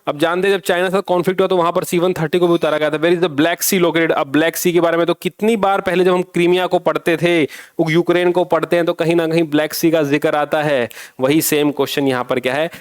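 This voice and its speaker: Man, coaching teacher, higher voice, dry close sound, exhorting and scolding students. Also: fairly even intonation, fairly quick, hardly any pauses, clean tone, no room sound. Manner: exhorting, scolding students, mixing English into Hindi. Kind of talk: exam paper review lesson.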